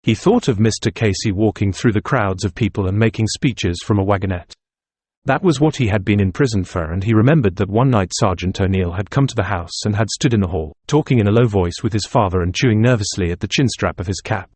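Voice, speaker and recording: Brief: male audiobook narrator, measured, low register, dead studio. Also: darkish tone, husky, dry recording. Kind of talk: scripted narration.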